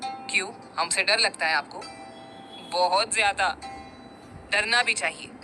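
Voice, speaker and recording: A woman's voice: unhurried, sharp tone, soft background music. A woman voicing a stern hot-tempered man. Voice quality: heavy deep-toned voice. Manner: stern, scolding. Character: stern commanding young man, hot-tempered older brother.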